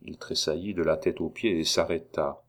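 A man reads a novel aloud in a measured, even narration. His voice sits very low and deep. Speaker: audiobook narrator. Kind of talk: audiobook narration.

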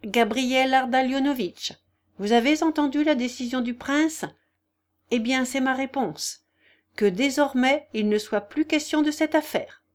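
A woman's voice: a little high, big pitch swings, measured pace. Nastasia Filipovna, imperious hostess read by a woman. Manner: commanding, raised and loud.

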